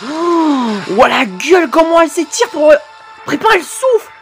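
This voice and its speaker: Excitable woman cheering a reaction video. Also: high-pitched, moderate pace, soft background music. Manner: excitable, cheering and swearing at the screen; turns hushed and emotional at sad moments. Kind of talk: live reaction commentary.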